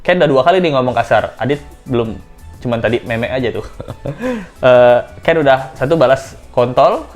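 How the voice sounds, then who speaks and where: A man's voice: mid-range voice, animated, moderate pace, faint music behind. A man giving casual commentary as he reads out messages, lifting his voice to mimic the writers and laughing often. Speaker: commentary vlogger.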